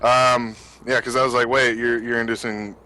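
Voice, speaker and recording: A man doing live esports commentary in a bright, forceful voice. He breaks down strategy in long explanations, thinking aloud with plenty of ums and uhs. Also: mid-range voice, little pitch movement, normal speed, rough recording. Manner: analytical, explains strategy at length with frequent fillers. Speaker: esports caster.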